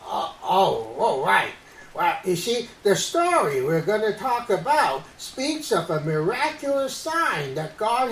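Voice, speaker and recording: A woman voicing a timid, science-loving monkey uncle in a children's puppet show, telling stories with deliberate expression. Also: fairly high pitch, slightly rough, exaggerated voice, rough recording. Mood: earnest, explaining. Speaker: storyteller and co-host.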